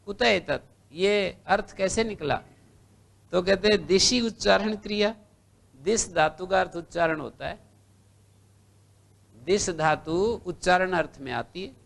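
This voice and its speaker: A man teaching Sanskrit grammar in a classroom lecture. He recites lines from old texts and then explains them slowly, one step at a time. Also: sits high, gravelly, fairly bright tone. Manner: slow, recites text then explains, lists letters one by one.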